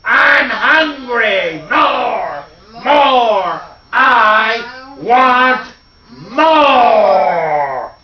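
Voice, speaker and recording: An older man voicing a ravenous giant clay boy who shouts and wails for more food. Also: very high-pitched, expressive, drawn-out words, pitched above the performer's own voice, heavily acted. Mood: hungry wailing. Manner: shouting, wailing demands. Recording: roomy, distant, dull home recording.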